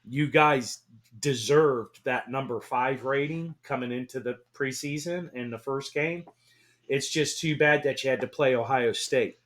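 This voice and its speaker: A man co-hosting a casual sports talk radio show, excitable and swearing, often repeating himself. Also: medium pitch, a little slow.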